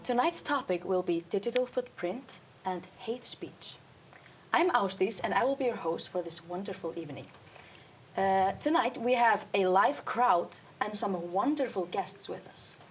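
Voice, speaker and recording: Young woman, talk show host, upbeat, mid-pitched voice, faint room hiss. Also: lively intonation, measured pace. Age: teens or young adult. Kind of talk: student talk show hosting.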